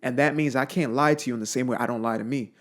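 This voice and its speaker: Speaking quickly with fairly even intonation, a young man from Zimbabwe gives a motivational talk that is emphatic and blunt, full of repeated lines for weight. His voice sits at medium pitch and has a fairly bright tone.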